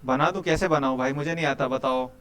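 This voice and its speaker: A man's voice: mid-range voice, a little fast, a bit bright. Chatty Hindi-speaking coding teacher, man. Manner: chatty, quizzes students, keeps saying "bhai". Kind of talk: live coding class with students.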